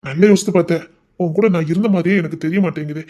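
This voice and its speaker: A man's voice: a little high, very fast, warm tone, dull audio. A man playing a stern, insistent husband who scolds his wife in a colloquial family drama.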